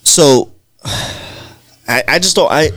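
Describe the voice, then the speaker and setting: A man's voice: a little high, slow pace, a bit bright. A man with a stuffy nose in a casual podcast chat, giggling and questioning.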